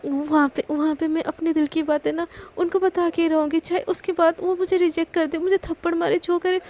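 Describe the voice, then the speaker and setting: A woman's voice: very high-pitched, level tone, a little fast, warm tone. A woman voicing a shy, lovestruck young woman talking herself through her feelings with much stammering. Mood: anxious. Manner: stammering, anxious self-talk.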